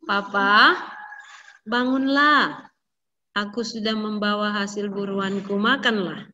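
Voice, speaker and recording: A woman voicing a grown eldest son in a children's Bible story, pleading in a high, pressed voice. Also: fairly even intonation, takes it slowly, pushed and bright. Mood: eager. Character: grown eldest son, weeping, begging, then vengeful. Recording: distant echoey dull recording.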